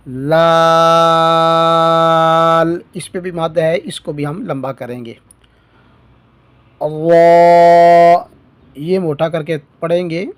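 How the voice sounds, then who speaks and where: A man's voice: a little high, a little mellow, no echo. Man teaching letters with long drawn sounds. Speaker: Quran reading teacher. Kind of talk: patient beginner lesson.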